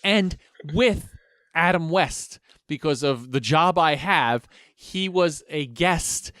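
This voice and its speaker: A man's voice: on the high side, expressive, takes it slowly, a bit bright, dry recording. A man telling long rambling anecdotes as a podcast guest, with many restarts. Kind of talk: casual storytelling.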